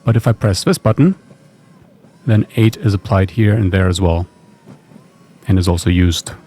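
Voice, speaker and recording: Presenting a tool he built himself, a male developer thinks aloud through an informal, understated screencast tutorial. He speaks in a low, warm voice at a moderate pace, and the recording has noticeable background noise.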